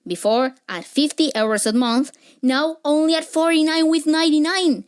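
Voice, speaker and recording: A young woman reading an infomercial sales pitch, addressing the listener directly. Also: normal speed. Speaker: advertiser.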